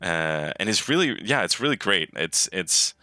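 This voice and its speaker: A man's voice: sits low, big pitch swings, normal speed, pushed and bright, dry recording. A man being interviewed about his work as a game programmer, talking casually and enthusiastically with many restarts and repeated words. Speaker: lead gameplay programmer, guest.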